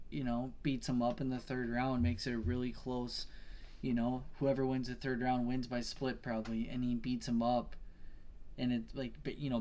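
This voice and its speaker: A man's voice: medium pitch, a little mellow. A man co-hosting a podcast, chatting casually about his betting picks, rambling, swearing and correcting himself as he goes. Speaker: podcast co-host.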